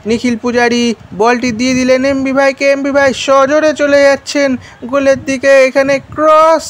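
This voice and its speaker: A man giving excited, frantic football play-by-play, swinging from quick calls to drawn-out shouted exclamations. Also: extremely high pitch. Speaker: football commentator.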